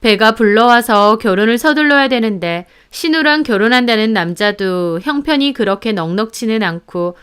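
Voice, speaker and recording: A woman with a smooth, clear, fairly high voice tells a first-person story from a script. Her telling is steady and indignant. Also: moderate pace, few pauses. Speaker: narrator.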